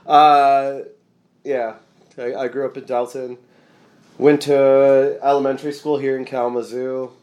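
An American man chatting casually as a podcast guest in a laid-back stoner manner, high and a little tired. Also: level tone, measured pace, a little mellow. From Michigan, United States. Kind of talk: casual chat.

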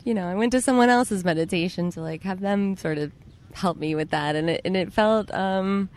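A woman guest in a casual interview outdoors in a park, talking in a reflective, halting and agreeable way. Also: medium pitch, a little mellow. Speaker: podcast guest, yoga teacher.

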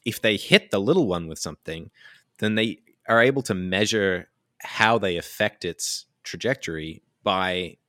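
A man with a very low but bright, forceful voice chats casually, explaining with animated enthusiasm and frequent fillers. The sound is dry and close to the mic. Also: moderate pace, no echo. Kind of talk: casual chat.

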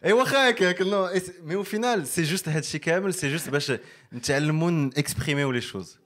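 A Moroccan man talks at a breakneck clip in a relaxed podcast chat. His voice sits a touch high. He tells stories animatedly and slips French in as he goes. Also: very fast. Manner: animated storytelling, mixing French into his speech. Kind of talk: casual chat.

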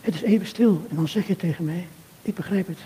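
Older man, sermon, earnest, measured, very dark mellow voice, long hall reverb. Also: high voice, slight background noise. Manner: earnest, measured, addressing the listener directly. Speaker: speaker at a church conference. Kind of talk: reflective sermon talk addressed to a listener.

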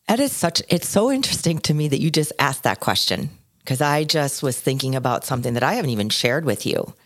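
Older woman podcast cohost, low deep voice, dry close sound, tells stories expressively. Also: a little fast, no echo. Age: 60s. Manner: expressive storyteller, swings between low and high pitch. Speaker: podcast co-host. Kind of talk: casual chat.

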